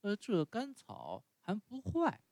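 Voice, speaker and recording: A man's voice: a little high, sing-song, measured pace, no room sound. Pinocchio, a man doing a whiny donkey boy. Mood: resigned. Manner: wailing and groaning, soft sighs when alone. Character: puppet boy turned donkey, whiny and sorry.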